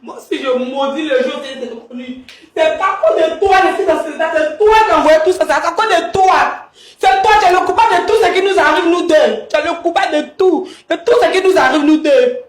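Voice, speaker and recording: A woman's voice: very high-pitched, fast, echoey room. A woman confronting her husband, accusing him and repeating herself insistently. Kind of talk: heated confrontation.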